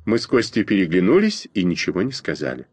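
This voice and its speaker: A man's voice: low-pitched, wildly swooping pitch, quick pace, no room sound. Man reading a children's story.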